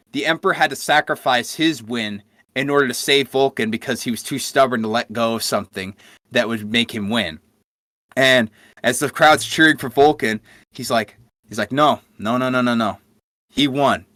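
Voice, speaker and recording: A man's voice: medium pitch, sharp tone, no echo, clean studio sound. A man co-hosting a podcast, telling game lore in a profane, enthusiastic casual chat. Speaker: podcast co-host.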